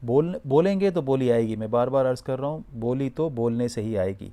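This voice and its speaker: Man, language teacher, slow repeated drill phrases, encouraging prompts, mid pitch. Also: lively intonation, warm tone. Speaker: Arabic teacher. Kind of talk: spoken language drill lesson.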